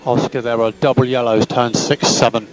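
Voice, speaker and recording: Over team radio drowned in loud vehicle noise, a Formula One race engineer gives clipped, procedural instructions and often repeats them. His voice is medium-pitched and flat, at a normal pace, and the recording is rough.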